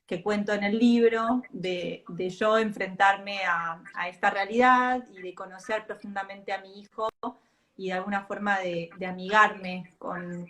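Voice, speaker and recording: A middle-aged woman from Argentina speaks with an Argentine Spanish accent, voice of middling pitch. She talks reflectively, pausing and restarting her phrases as a guest in a live-stream interview over a video call. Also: fairly bright tone. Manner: reflective, hesitant, many restarts. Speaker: guest author and mother.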